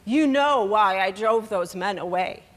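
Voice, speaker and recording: A woman's voice: medium pitch, lively intonation, a little slow, big-room sound, close to an everyday voice. A woman playing a tipsy grown daughter who is blunt, sardonic and cold toward her mother in a stage play. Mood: bitter. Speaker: actor.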